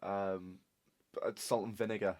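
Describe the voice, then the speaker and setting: A man's voice: on the low side, little pitch movement, unhurried, darkish tone. A British man co-hosting a casual podcast, jokey and self-mocking. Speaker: podcast co-host. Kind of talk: casual chat.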